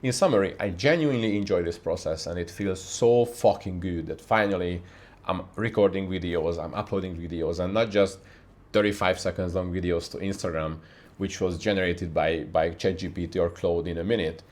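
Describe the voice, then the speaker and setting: Speaking at a normal pace in a deep, slightly mellow voice, a young man records an unscripted vlog for his YouTube channel in a dark home studio lit by a softbox. English isn't his first language, so his phrasing is non-native, and he talks earnestly, frequently starting sentences over. A camera mic pointed at him picks up the audio.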